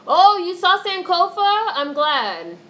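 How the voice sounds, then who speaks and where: With a very high, fairly bright voice full of big pitch swings, a woman slowly reads and answers chat during a casual livestream, opinionated, blunt and freely swearing. The audio is noisy with background noise.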